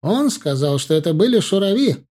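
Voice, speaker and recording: A man's voice: high-pitched, very animated, moderate pace, dark tone, pitched above the performer's own voice. Male narrator putting on a defiant young leader, raised and proud, audiobook style. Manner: proud, rousing.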